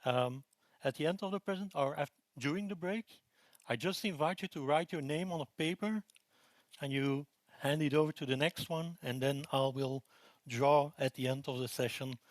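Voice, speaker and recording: A man's voice: on the high side, normal speed, no echo. Belgian man presenting at a conference. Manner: relaxed, with frequent fillers and restarts. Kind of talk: technical conference talk. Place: conference room.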